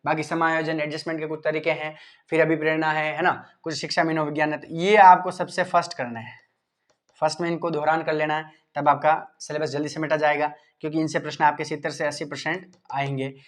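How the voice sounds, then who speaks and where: A man's voice: fairly high pitch, level tone, fast talker. A male teacher giving informal, repetitive exam-preparation advice and talking straight to his students. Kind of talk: exam-prep study advice lesson.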